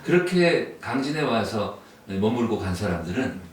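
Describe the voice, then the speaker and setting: A man speaking as a guest author in a relaxed, conversational way, unhurried and thinking aloud with fillers. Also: lowish voice. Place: book cafe. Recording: roomy distant sound, faint noise.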